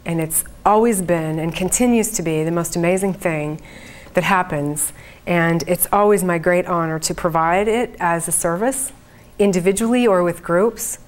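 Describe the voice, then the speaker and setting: Her pitch is fairly low and her speed normal as she speaks, a trance channeler informally addressing a group at an event she leads. Her manner is earnest and conversational.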